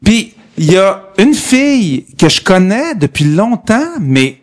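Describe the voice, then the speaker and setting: A man's voice: high voice, big pitch swings, unhurried. A man with a Québécois accent chatting casually on a podcast, trading dry quips and telling stories. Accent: Québécois French. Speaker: podcast host. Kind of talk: casual chat.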